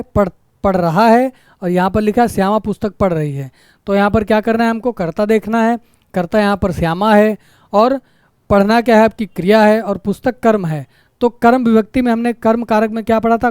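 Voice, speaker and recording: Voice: mid-range voice, darkish tone, smooth, no room sound, studio quality. A grammar teacher explaining a lesson, repeating example sentences and asking rhetorical questions with a frequent tag question.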